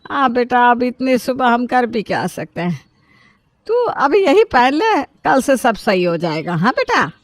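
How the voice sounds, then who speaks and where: A woman voicing an indulgent older mother-in-law in an animated storybook, placating her son. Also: on the high side, unhurried, dry recording, studio quality. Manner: soothing, placating.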